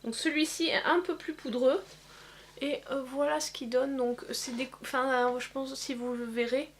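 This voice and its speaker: A woman demonstrating eyeshadow swatches in a casual vlog, pausing often with fillers. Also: high voice, steady tone. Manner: hesitant, many filler pauses. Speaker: beauty vlogger. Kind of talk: casual makeup swatch demo.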